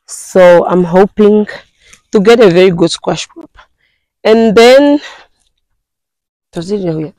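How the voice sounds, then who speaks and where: A hoarse woman, chatting with her viewers on a garden tour outdoors, hesitant and full of fillers, filmed on a handheld phone. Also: medium pitch, takes it slowly, long pauses, dark tone, dry recording, low-quality recording. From Namibia. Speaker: gardening vlogger.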